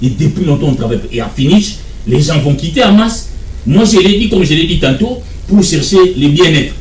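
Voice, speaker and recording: A man's voice: on the high side, animated, brisk, a little mellow, reverberant, far from the mic, a little hiss or hum. A man, arguing as a guest in a televised political debate, insistent and repeating his points. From Democratic Republic of the Congo.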